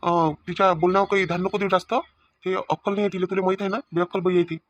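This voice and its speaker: A man's voice: sits high, level tone, racing, lo-fi sound, close to an everyday voice. Man voicing an exasperated village husband. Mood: fed-up. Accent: Vidarbha Marathi. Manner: arguing, threatening. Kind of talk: cartoon family comedy.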